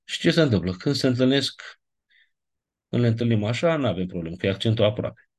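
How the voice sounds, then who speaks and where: A man's voice: mid-range voice, lively intonation, darkish tone. A man teaching a lecture class, explaining grammar step by step and checking in with his students.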